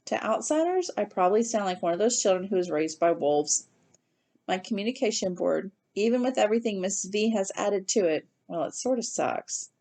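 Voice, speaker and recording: A woman reads a first-person novel aloud with lively, expressive storytelling. Her voice sits in a mid-range pitch and she leans into the emotional moments of the tale. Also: normal speed. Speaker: reader.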